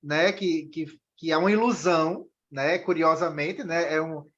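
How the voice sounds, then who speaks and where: A man's voice: a little high, measured pace, fairly bright tone, lo-fi sound. A man moderating a discussion after a film screening, talking with many restarts and "né?" tags.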